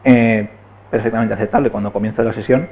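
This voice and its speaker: Gravelly man explaining code, tinny recording. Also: on the low side, fairly even intonation, brisk, slight background noise. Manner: explanatory, often checks in with the room. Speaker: meetup speaker. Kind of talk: technical talk to an audience.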